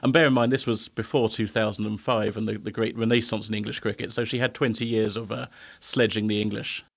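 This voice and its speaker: A man giving quick, knowing analysis as an interview guest. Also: on the low side, level tone, vocal fry, lo-fi sound.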